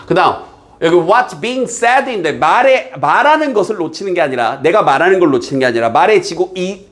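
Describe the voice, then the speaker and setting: A man teaching an English exam passage, reading English lines slowly and explaining them in Korean, often checking that students follow. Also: on the high side. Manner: lively, drills students with repeated checks.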